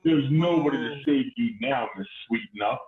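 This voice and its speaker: An actor playing a vicious, wordy, mustache-twirling villain in a hammy stage melodrama. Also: male voice, on the high side, very animated, normal speed, gravelly, heavy background noise. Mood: gloating. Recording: echoey, tinny phone-like online call.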